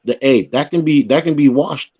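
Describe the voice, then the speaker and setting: A man in a group talk who speaks rapidly and repeats short phrases. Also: a little high, darkish tone, slightly rough, no echo, highs cut off.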